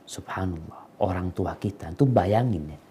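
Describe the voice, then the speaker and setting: A middle-aged man preaching a sermon, dropping to quiet low asides and rising to emphatic, slangy appeals. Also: moderate pace, slight background noise.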